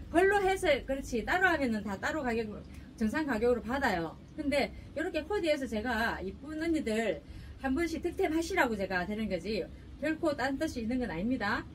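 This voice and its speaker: A middle-aged woman chats and jokes as she pushes her clothes. Her voice sits high and swoops up and down. She is recorded from a distance in her shop, with faint room noise behind her. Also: expressive, brisk. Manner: chatty, joking, pushy seller. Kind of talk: casual sales pitch.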